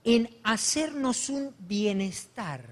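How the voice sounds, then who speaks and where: A man preaching a sermon, building to loud, fervent emphasis. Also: very high-pitched, animated, slow pace. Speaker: pastor. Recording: long hall reverb.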